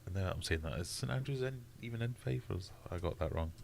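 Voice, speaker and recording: A man's voice: sits low, lively intonation, quick pace, gravelly, slight background noise. A Scottish man hosting a casual livestream, chatting and reading viewer comments aloud with frequent laughs. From Scotland. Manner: chatty, laughs often, reads chat aloud. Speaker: livestream host.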